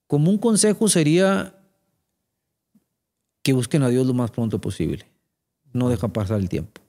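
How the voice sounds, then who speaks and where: A man's voice: mid-range voice, animated, moderate pace, mellow. A man giving an earnest personal faith testimony in conversation, retelling talks he had with others.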